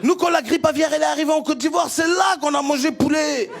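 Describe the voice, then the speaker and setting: High-voiced Ivorian comedian on stage. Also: male voice, fast, gravelly, soft background music. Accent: Ivorian French. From Ivory Coast. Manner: animated storytelling, swings into shouting. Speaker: stand-up comedian. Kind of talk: stand-up comedy. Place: stage before a live audience.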